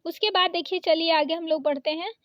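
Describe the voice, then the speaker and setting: A woman teaching an exam-prep spelling lesson, listing wrong and right forms in quick pairs. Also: extremely high pitch, fairly even intonation, no room sound. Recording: dull, dry close recording.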